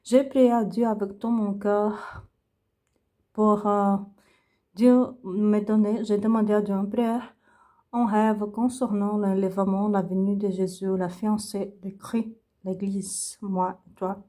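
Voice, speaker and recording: Woman, mellow relaxed voice, slow pace, halting, repetitive, unscripted religious testimony. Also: medium pitch. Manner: halting, searching for words, repeating phrases.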